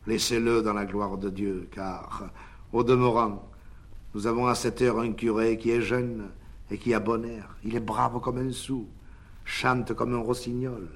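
A man voicing a prim, gossipy elderly church woman who talks low and confiding. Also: flat delivery, measured pace. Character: pious old woman, head of a parish sisterhood, gossipy.

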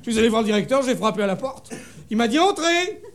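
A man with a strikingly high voice tells a comic story in a deadpan way. He breaks into shouted punchlines. The audience laughs loudly through a live, noisy theatre recording. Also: very fast. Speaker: stand-up comedian. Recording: live show recording with crowd laughter and noise.

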